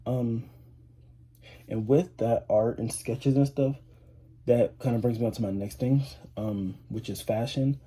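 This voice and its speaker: A man's voice: medium pitch, steady tone, unhurried, dark tone, breathy edge. An eighteen-year-old man chatting casually to camera as a vlogger, rambling with lots of fillers and restarts. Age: 18, teenager. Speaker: vlogger, high school student.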